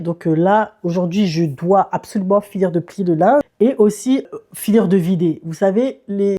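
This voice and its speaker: A woman's voice: on the low side, warm tone. A woman chatting casually in a vlog, slangy and grumbling, her voice muffled and thick from swollen tonsils. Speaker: vlogger.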